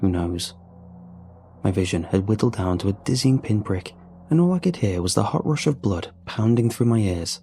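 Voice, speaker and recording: A man narrating a horror story in a low, gravelly, dark-toned voice. He reads slowly and deliberately, keeping his delivery hushed. Faint music plays behind him. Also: lively intonation.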